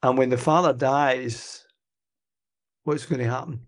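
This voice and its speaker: A man with a Scottish accent co-hosting a podcast and retelling a story in an animated, chatty way. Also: mid-range voice, a little slow. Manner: animated storyteller, chuckles and uses Scots words. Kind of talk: casual podcast discussion.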